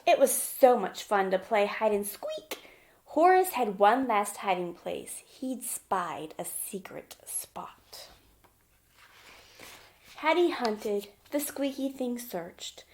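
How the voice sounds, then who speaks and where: This teacher, a woman, gives a children's storybook read-aloud and lesson, talking it through plainly and questioning the young listener often. Her fairly high voice is sing-song, slow and a little mellow.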